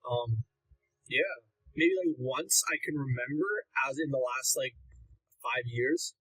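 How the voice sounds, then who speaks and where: A young man with a husky, medium-pitched, fairly bright voice speaks slowly, and the recording is rough. He hosts a casual livestream Q&A, reading chat questions aloud and answering bluntly and ramblingly with lots of "like."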